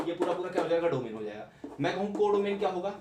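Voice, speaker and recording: A man's voice: high voice, big pitch swings, very fast. A young man teaching maths in a classroom-style lecture, repeating key points and checking understanding with rhetorical questions. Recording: echoey room, mic at a distance, background noise.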